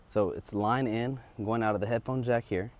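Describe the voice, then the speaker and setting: A vlogger trying out audio equipment thinks aloud and chats informally in an unscripted vlog, his wireless lavalier clipped to his shirt as he walks up a residential street outside. His voice is lowish and darkish, with fairly even intonation and a moderate pace.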